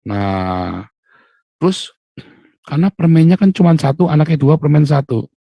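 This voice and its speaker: A male pastor giving a colloquial morning devotional sermon. He swings between loud, emphatic bursts and quiet, low asides. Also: sing-song, moderate pace, no echo, dull audio.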